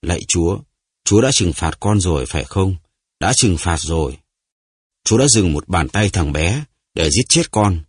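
A man voicing a hoarse, gasping old grandfather in an audiobook story, pleading and reproaching himself. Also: sits low, lively intonation, moderate pace, no room sound, studio quality. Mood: anguished. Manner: pleading, shouting, self-reproaching. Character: old grandfather, hoarse, bitter and guilt-ridden. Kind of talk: audiobook character voice.

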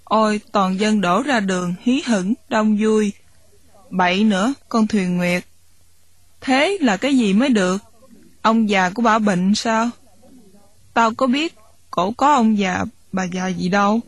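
A woman reads a novel aloud at a steady storytelling pace. Her voice is husky and breathy, in a middle pitch. The recording is dry and close, with no room sound. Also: no room sound. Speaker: audiobook narrator.

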